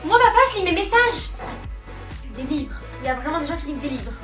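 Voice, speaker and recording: A woman's voice: high-pitched, big pitch swings, fast, echoey room, faint music behind, voice pushed up. A woman voicing a cheeky, scheming young boy who plays innocent to dodge blame. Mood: mocking.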